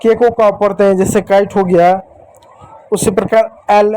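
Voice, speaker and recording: Male teacher, high voice, patient and repetitive, talks straight to young pupils. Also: level tone, darkish tone, poor audio. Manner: patient, repeats reminders to children; slows down to spell out example words. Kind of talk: explaining lesson to children.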